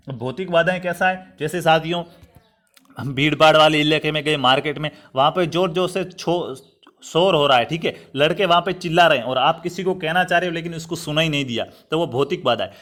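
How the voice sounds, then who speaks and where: A man's voice: fairly high pitch, a bit bright. A young man from Rajasthan teaching an online exam-prep lecture, explaining step by step and often checking in with his students. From Rajasthan, India. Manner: repetitive, explanatory, addresses students as friends.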